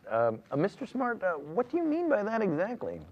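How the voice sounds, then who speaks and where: A man playing a TV news anchor in a parody newscast, halting and stammering in his delivery. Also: high voice, huge pitch swings, exaggerated voice. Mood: flustered. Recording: slightly dull, lo-fi audio.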